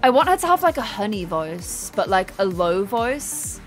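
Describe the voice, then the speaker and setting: A young woman chatting excitedly while live-streaming a game, laughing often. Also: medium pitch, moderate pace, faint music behind.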